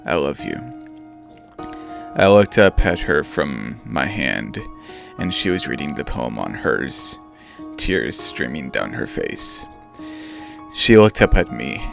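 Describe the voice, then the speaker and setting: Slow gravelly-voiced man reading his story. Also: low-pitched, sing-song. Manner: subdued, mournful first-person reading. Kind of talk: audiobook narration. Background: faint guitar music.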